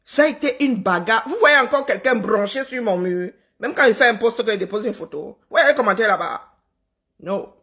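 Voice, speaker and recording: A woman's voice: a little high, animated, normal speed, fairly bright tone. A woman from Cameroon giving a sarcastic, scolding live-stream monologue to her viewers. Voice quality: self-described unpleasant voice. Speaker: social media commentator.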